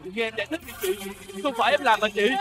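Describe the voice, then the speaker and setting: An actor playing a young male driver, shouting and pleading desperately. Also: sits high, fast talker, natural voice.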